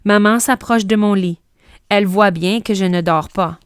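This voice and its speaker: A woman, a teacher reading a children's book aloud in a clear, steady way. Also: mid-range voice, normal speed, no room sound, studio quality.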